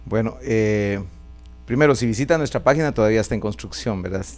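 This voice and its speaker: A middle-aged man with a Guatemalan Spanish accent, a pastor telling his life story in a relaxed interview and often tagging his sentences with a questioning "right?". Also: on the low side, brisk. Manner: chatty, often tags lines with a questioning "right?". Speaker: pastor and prophet, interview guest.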